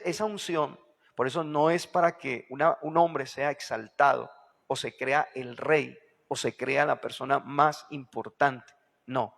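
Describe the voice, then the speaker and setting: Male pastor, sermon, fry-tinged voice, leans on "right?" asides and repetition, echoey hall sound. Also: medium pitch. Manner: constant rhetorical questions to the congregation; repeats key phrases with emphasis.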